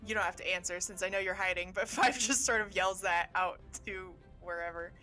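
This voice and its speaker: A woman's voice: on the low side, steady tone, a little fast, pushed and bright, faint music behind. A woman playing a tabletop game, chatting and bantering casually with the group.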